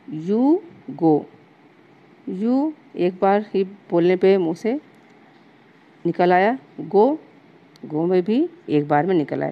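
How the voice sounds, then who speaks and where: A woman lecturer teaching a grammar lesson to students. She reads English definitions slowly, as if dictating, then explains them patiently. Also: mid-range voice, dark tone, rough recording. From India.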